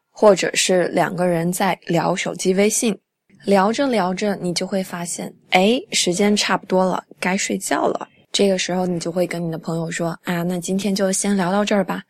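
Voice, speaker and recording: A young woman with a slightly low voice teaches English in a casual podcast style, chatting easily and repeating phrases slowly. The recording is dry and close, with no room sound. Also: no room sound.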